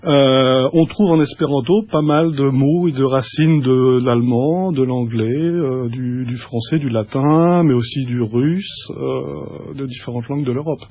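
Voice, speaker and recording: Man, husky voice, radio guest, halting explanatory manner, dull lo-fi radio audio. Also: medium pitch. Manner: explanatory, halting with many restarts and fillers. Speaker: guest speaker. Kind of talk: radio studio conversation.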